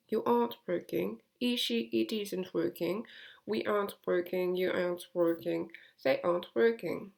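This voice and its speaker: A woman walks learners through a grammar lesson, patient and clear, leaning on the words that matter. Her voice carries a gravelly, creaky edge at the bottom of her phrases. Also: fairly low pitch. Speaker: English teacher.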